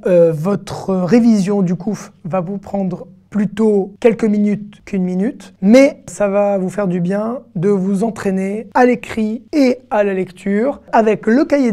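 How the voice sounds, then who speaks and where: A middle-aged woman teaching an online language lesson, patiently repeating each word slowly. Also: medium pitch, warm tone. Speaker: Hebrew teacher.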